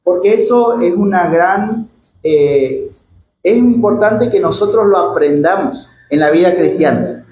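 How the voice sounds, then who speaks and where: A man from Argentina preaching a sermon with an Argentine accent, reading scripture slowly and asking many rhetorical questions. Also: sits high, a little mellow, dull audio. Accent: Argentine Spanish. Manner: reads scripture slowly and stretches out the quoted words. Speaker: pastor. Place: church hall. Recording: echoey church hall, faint background noise.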